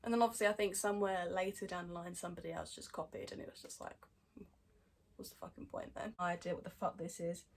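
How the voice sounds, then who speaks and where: A woman's voice: fairly low pitch, fairly even intonation, racing, creaky, few pauses. A woman chatting casually as a podcast host, blunt and sweary with sarcastic asides. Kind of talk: casual chat reading out fan messages.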